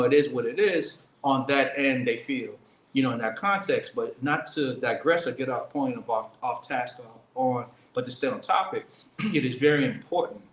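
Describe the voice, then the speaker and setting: A man giving an earnest political speech, emphatic and slowing down to stress key words. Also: medium pitch, slight background noise. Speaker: speaker at a commemoration event. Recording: echoey room with faint ambience.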